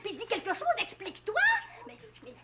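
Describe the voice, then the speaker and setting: A fussy, shrill theatre director. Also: female voice, big pitch swings, fairly quick, very noisy. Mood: impatient. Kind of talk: 1960s children's TV puppet acting.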